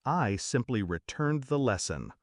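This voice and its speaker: A man reading a first-person story aloud in a measured, dramatic storytelling manner. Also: medium pitch, very animated, no echo, clean studio sound. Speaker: story narrator.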